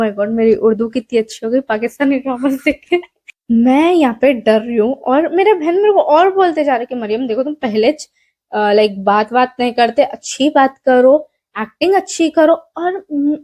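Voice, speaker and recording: A woman's voice: sits high, a little mellow. A young woman vlogger with a Hyderabadi accent, telling a story in a casual, rambling way with lots of fillers, recorded on a mic in a small room. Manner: chatty, rambling, self-deprecating, many fillers.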